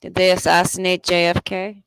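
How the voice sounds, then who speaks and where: A woman's voice: lowish voice, completely flat delivery, normal speed, clean tone, no echo, studio quality. A woman co-hosting a livestream, making blunt, wry remarks in casual chat. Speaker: livestream co-host.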